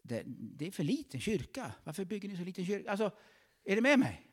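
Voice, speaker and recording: A man's voice: high voice, big pitch swings, slightly rough. A man preaching a fervent sermon in a church, calling out praises between his points. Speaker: pastor.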